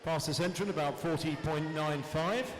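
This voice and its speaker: A man's voice: fairly high pitch, moderate pace. Chatty male announcer over a PA system. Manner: relaxed, chatty commentary between the listings. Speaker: swimming meet announcer. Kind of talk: live announcing and race commentary. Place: indoor swimming pool hall. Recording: echoey PA sound in a large hall, with noise.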